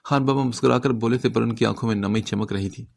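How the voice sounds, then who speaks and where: A man reading a novel aloud as an audiobook narrator, with a steady storytelling delivery. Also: mid-range voice, vocal fry.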